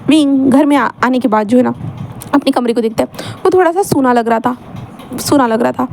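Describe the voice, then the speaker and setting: High-voiced woman telling a story. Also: fairly quick, gravelly, a little mellow, a little hiss or hum. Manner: chatty, mixing in English words. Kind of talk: casual story narration.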